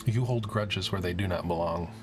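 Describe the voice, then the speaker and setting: A man voicing a calm, aloof woman seer of an inner circle who lectures in a measured way. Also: low voice, lightly acted. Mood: serene. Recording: music playing behind.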